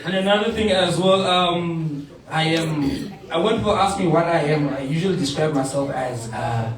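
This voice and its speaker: A young Namibian stand-up comedian tells stories on a bar stage before a live audience, often laughing through his own lines and repeating himself. His voice is a little high and moderately paced. The mic is distant, and the echoey bar is filled with a loud crowd.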